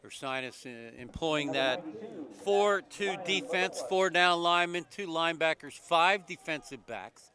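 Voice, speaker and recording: A man's voice: fairly high pitch, unhurried, crowd noise. A man calling a college football game play by play, packed with stats and player numbers. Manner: energetic, stat-heavy play calling. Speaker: play-by-play commentator. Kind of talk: live football commentary.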